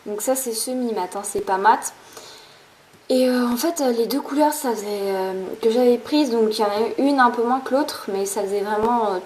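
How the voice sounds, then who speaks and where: A woman's voice: fairly high pitch, a little mellow, a little hiss or hum, rough recording. A young woman chatting through a beauty haul in a casual vlog, rambling with lots of fillers and restarts. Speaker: beauty vlogger.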